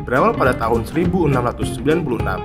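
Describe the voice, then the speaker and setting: A man giving scripted documentary narration in an even, informative manner. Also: mid-range voice, rapid-fire. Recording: voice-over over loud guitar music.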